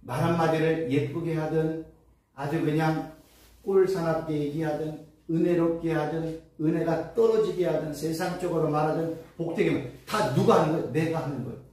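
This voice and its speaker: A woman professor teaching theology to a class, lively, repeating key phrases and answering her own questions. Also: low-pitched, normal speed. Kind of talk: lecture to a class. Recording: distant mic in echoey room.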